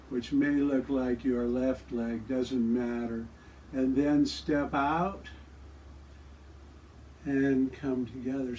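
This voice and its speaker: A man with a fairly high, mellow voice teaches tai chi and qigong. He gives calm, soothing cues for each movement, relaxed and instructive. He is recorded some distance from the microphone.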